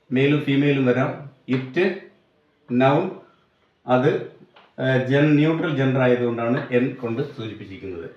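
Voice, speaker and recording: A man with a Malayali accent teaching English grammar, explaining slowly and deliberately and mixing English terms into Malayalam. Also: mid-range voice. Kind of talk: grammar lesson. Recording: echoey room, dull lo-fi sound.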